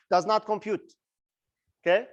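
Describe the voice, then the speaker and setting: A lecturer briefly putting on a glitching robot that can't compute, repeating its error in flat, clipped bursts, a quick playful bit dropped into a class. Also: male voice, sits high, no echo, clean studio sound. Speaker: engineering lecturer.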